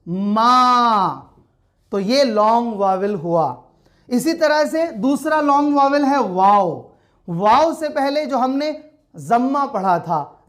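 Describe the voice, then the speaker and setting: Slow, patient woman teaching Arabic. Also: fairly high pitch. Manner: repeats each sound and asks the class back. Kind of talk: slow explanatory lesson.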